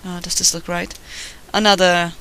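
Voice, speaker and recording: In a voice-over captured while he draws, a man with a Swedish accent casually comments on his digital art, rambling, poking fun at himself and swearing at times. His high voice is smooth, pushed and bright, holding a level tone at a moderate pace.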